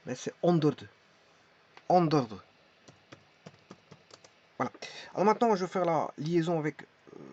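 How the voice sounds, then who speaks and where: A man's voice: medium pitch, a little mellow. A man giving a spoken language lesson, hesitant and repeating each word as he demonstrates its pronunciation. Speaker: language teacher. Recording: dull lo-fi recording.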